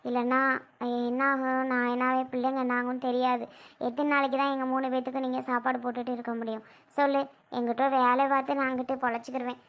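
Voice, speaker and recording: A woman playing a sister who is sadly leaving her family, speaking in a soft, pleading way in a family drama skit. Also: high voice, little pitch movement, fast. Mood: sorrowful. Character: grieving sister leaving home for her in-laws.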